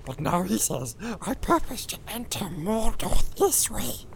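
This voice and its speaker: A woman voicing Gollum, a wretched, groveling creature who pleads and wheedles in gravelly squeaks and hissing whispers. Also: big pitch swings, measured pace. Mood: wheedling. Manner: wheedling, whining, swinging wildly from shrieks to whispers. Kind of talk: dramatized audiobook acting. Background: background music.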